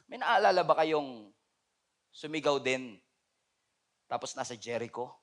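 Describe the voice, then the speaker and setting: A male pastor with a Filipino accent preaching in a sermon, shifting between loud shouting and quiet joking asides. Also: medium pitch, lively intonation, measured pace.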